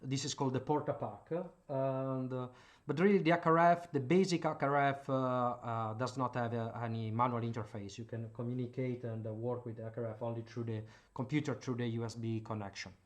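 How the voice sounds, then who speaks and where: An Italian man with an Italian accent hosts a hobbyist channel, explaining radio gear at his home workbench in a casual demo. His mid-range voice is steady and brisk, though his delivery is hesitant and full of filler sounds.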